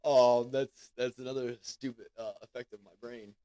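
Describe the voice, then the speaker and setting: A man's voice: medium pitch, level tone, normal speed, warm tone, clear, resonant tone, no echo. A man hosting a podcast, chatting casually in an easygoing, rambling way. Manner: rambling, easygoing, lots of fillers. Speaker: podcast host.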